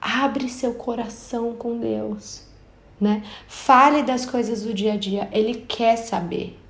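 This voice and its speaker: A woman's voice: fairly high pitch, fairly even intonation, slow, creaky. A young woman with a Brazilian accent gives a casual, chatty devotional talk and acts out everyday conversations. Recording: roomy echo.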